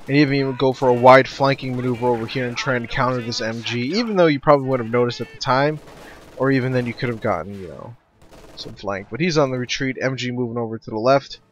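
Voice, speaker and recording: A man's voice: mid-range voice, quick pace, a little hiss or hum. Casual, rambling male game caster. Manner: loose, rambling, swears casually. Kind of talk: casual replay commentary.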